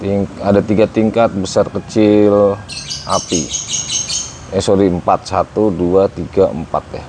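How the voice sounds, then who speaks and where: Against a noisy background, a deep-voiced man speaks at a measured pace with fairly even intonation. He's in his thirties, casually reviewing a camping stove on an outdoor patio garden for a vlog, going step by step and calling his viewers guys.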